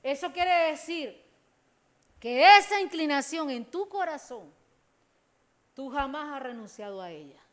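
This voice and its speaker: A woman's voice: sits high, expressive, unhurried, long pauses, a bit bright. A middle-aged woman pastor with a Panamanian accent, preaching a sermon in emphatic bursts and calling her listeners brothers. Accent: Panamanian Spanish.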